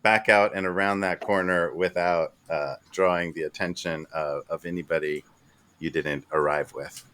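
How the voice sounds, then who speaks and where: Man, lowish pitch, game master, tabletop narration, conversational, halting delivery. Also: steady tone, fairly bright tone, clean tone.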